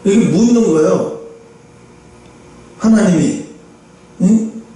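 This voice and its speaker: A high-voiced male pastor preaches in a big church hall, heard from a distance through heavy echo. He talks in a lively, informal way and often acts out pointed questions straight at his listeners. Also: takes it slowly. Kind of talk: sermon. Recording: echoey church hall, voice from afar.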